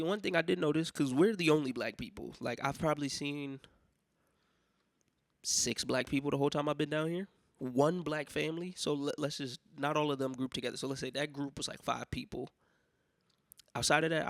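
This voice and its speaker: A young American man talks through a loose, profane solo monologue, his voice gravelly and rough at the bottom. He is getting over a cold and breaks into loud, mocking outbursts as he tells his stories. The sound is close and dry, with no room behind it. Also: fairly high pitch, a little fast, no room sound. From United States. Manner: profane, rambling, animated storytelling with loud mock outbursts. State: sick with a cough and congestion. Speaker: podcast host.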